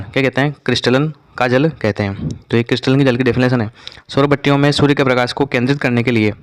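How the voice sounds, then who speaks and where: Fast-talking male teacher with a clear voice. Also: medium pitch. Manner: quizzes listeners and repeats answers. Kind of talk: exam revision lesson.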